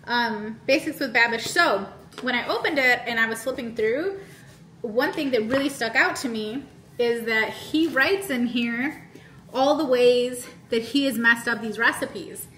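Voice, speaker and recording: Chatty mom vlogger, kinda high voice, cooking talk with loud pan sizzle behind. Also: female voice, a little slow, reverberant. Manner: chatty, says y'all, laughs often. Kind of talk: casual vlog chat. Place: home kitchen while cooking. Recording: noisy kitchen with sizzling pan.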